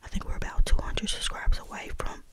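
An American woman speaks in a soft, breathy whisper, as if right in your ear. She chats casually and without hurry in an ASMR vlog style, very close to the microphone. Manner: unhurried, chatty, close-up talking. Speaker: vlogger. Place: bedroom, indoors. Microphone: small desktop condenser mic held close.

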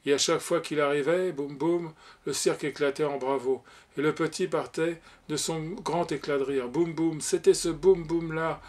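A man reading a short story aloud as an audiobook, expressive, giving the characters' lines their own voices. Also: a little high, normal speed. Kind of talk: audiobook narration.

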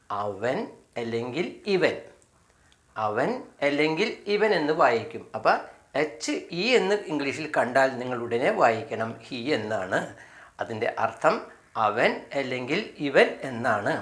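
A teacher explaining English words step by step in a spoken lesson, with a Malayali accent, slowly repeating each item and asking questions he answers himself. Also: medium pitch, a bit bright. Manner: slow, repetitive, asks questions and answers them himself. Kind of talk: spoken phonics lesson for beginners.

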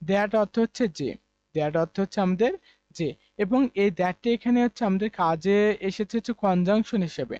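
A man's voice: high voice, fairly quick, a little mellow, highs cut off. A man from Bangladesh teaching an online English lesson, repeating word forms over and over and explaining with many fillers. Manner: repetitive drilling of pronunciations.

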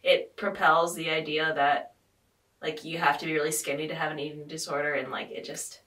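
A woman with a low-ish, bright voice chats casually on a podcast, wandering through her thoughts with many fillers and "like"s. She sits back from the microphone in a roomy space, so her voice carries an echo. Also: level tone, brisk. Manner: rambling, filler-heavy, frequent "like". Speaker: podcast host. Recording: roomy, distant mic.

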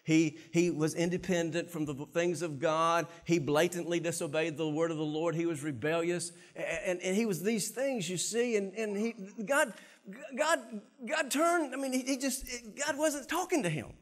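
Preaching from a church stage on a lapel mic, a middle-aged pastor speaks at normal speed in a high voice. His delivery is animated, alternating between hushed and loud stretches.

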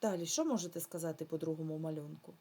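Female teacher for a recorded remote kids' lesson. Patient, draws words out, dark and slightly breathy tone. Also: sits low. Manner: slow, patient, drawn-out words for children. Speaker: primary school teacher. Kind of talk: remote lesson for young children.

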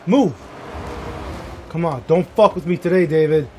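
A man giving live commentary while playing a game, swearing freely and shouting short reactions at his teammates. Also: fairly high pitch, measured pace, noisy background. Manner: profane, exasperated outbursts at teammates. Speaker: gamer.

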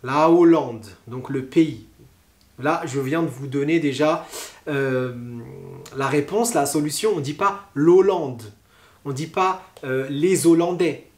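A man with a French accent teaching a pronunciation lesson online, explaining slowly and patiently with frequent hesitations. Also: fairly high pitch, echoey room.

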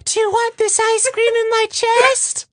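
A man doing a squeaky, coaxing impression of a creepy female child animatronic. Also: level tone, a little slow, a bit bright, dry recording, clean studio sound. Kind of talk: impression of a game character.

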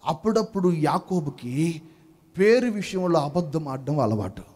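A man's voice: on the high side, expressive, a little slow, a little mellow, slightly rough. A male pastor preaching a sermon, telling a story with acted-out voices and questions to the congregation.

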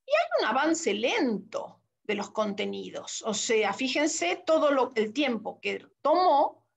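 A woman with a Rioplatense accent lectures at an unhurried pace. Her voice sits a little high, with a gravelly, husky texture. She reads classroom exchanges aloud and keeps checking in with her listeners. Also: muffled recording. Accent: Rioplatense Spanish. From Argentina. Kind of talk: academic lecture reading classroom transcripts.

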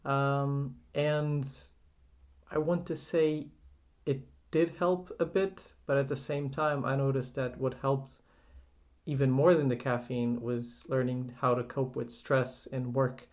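Flat-voiced, measured guest from Portugal. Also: male voice, medium pitch. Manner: measured, reflective, frequent "uh". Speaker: nutrition coach, podcast guest. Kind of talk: casual conversational podcast.

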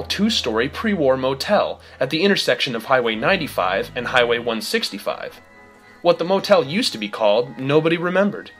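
A man narrating a first-person audiobook in a lively, expressive way. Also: mid-range voice.

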